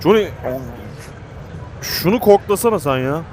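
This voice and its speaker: A man giving excited, panicky commentary while playing a game, swearing and shouting at it. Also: high voice, a little slow. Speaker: gaming YouTuber. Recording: game music playing behind.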